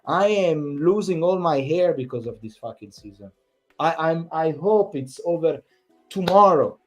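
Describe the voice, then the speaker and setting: A man's voice: on the high side, animated, moderate pace, darkish tone, faint music behind. A man, hosting a fan channel, giving an exasperated, repetitive post-match rant full of swearing.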